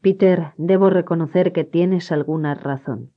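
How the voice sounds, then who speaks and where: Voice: medium pitch, measured pace. A reader voicing a wry small-town sheriff who questions people in a dry, probing way. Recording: dull lo-fi recording.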